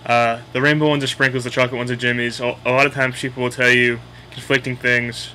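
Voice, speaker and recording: A man's voice: medium pitch, little pitch movement, fast, bright, forceful tone, slight background noise, rough recording. A man with a Boston accent casually explaining local slang in a blunt, opinionated, sweary way. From Boston area, United States.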